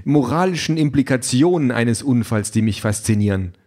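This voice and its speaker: A chatty, overeager self-driving car with a lifted, buoyant voice that likes to lecture, voiced by a man reading an audiobook. He speaks in a pitch noticeably above the reader's own. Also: expressive, moderate pace, lightly acted. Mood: lecturing. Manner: brightly chatty, lecturing, flares into furious shouting.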